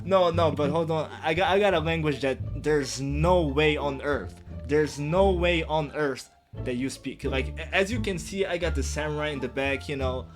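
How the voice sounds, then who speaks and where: A man hosting a video-chat language channel, talking in lively casual banter with lots of "like" fillers. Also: fairly high pitch, moderate pace. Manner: excitable, lively, uses many "like" fillers. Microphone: video call. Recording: video-chat audio with music behind.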